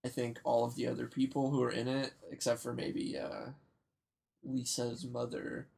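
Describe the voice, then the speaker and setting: A man's voice: mid-range voice, monotone, moderate pace, gravelly, darkish tone. A man co-hosting a podcast, chatting casually and picking things apart with dry, wry jokes. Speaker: podcast co-host. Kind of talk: casual chat.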